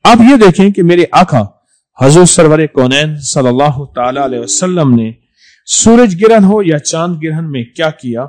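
A man giving a religious sermon, repeating phrases for emphasis and swinging between loud stresses and soft drops. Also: on the high side, low-quality recording. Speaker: preacher.

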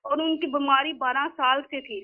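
A woman's voice: sits high, fairly even intonation, moderate pace. A woman calling in over a crackly, unclear phone line, speaking earnestly and pleading, often repeating herself. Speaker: caller. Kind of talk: phone-in call to a spiritual guide.

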